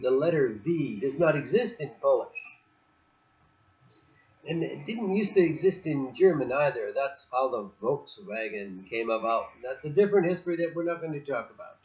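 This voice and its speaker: Out on a beach, a host tells a story in casual chat, rambling off on tangents and restarting often. His mid-range voice is animated and a little mellow at normal speed, captured in a dull lo-fi recording.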